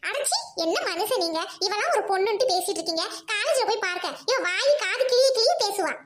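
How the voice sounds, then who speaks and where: A woman's voice: extremely high pitch, expressive, quick pace, fairly bright tone. Woman doing teasing chatty sister-in-law. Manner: playful, teasing, talkative.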